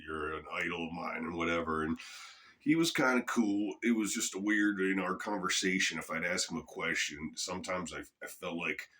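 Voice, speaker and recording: A man's voice: sits low, moderate pace, bright, forceful tone. A middle-aged man telling a rambling, casual story to camera, swearing freely. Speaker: channel host.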